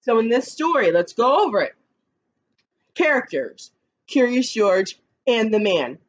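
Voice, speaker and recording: Kindergarten teacher, a woman reading storybooks very slowly, bouncy pitch, slightly dull lo-fi recording. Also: a little hiss or hum. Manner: slow, expressive read-aloud with lively pitch, chatty asides. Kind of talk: reading picture books aloud to children.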